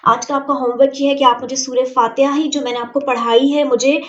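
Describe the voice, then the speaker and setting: A young woman with an Urdu accent teaching an online tajweed lesson, patiently explaining rules and slowly drawing out example words to demonstrate. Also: sits high, steady tone, roomy sound, recorded from a distance, muffled recording. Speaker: Quran teacher.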